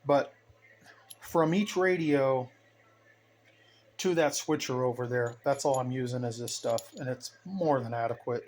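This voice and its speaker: This station tour comes from a radio hobbyist at his home bench, who wanders through his gear casually and folksily, thinking as he goes. He speaks a little slowly in a mid-range, darkish voice with long pauses, over noticeable background noise in a home video.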